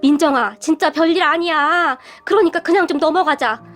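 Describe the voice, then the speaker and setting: A weary, proud middle-aged housekeeper mother, as a woman storyteller puts her on, stubborn and quick to sigh. The voice sits high and bright for a mother's part, with faint music playing underneath. It has the plain feel of a read-aloud family story. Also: animated. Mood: pleading. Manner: stubborn, sighing, indignant then pleading. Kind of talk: storytelling narration.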